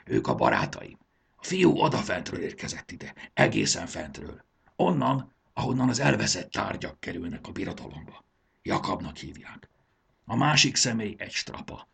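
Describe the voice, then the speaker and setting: An earnest young gurgó man, voiced by a male reader, steady and sincere. His voice is low and gravelly with a raspy edge, in a storybook reading. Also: heavily acted. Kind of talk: audiobook character voice.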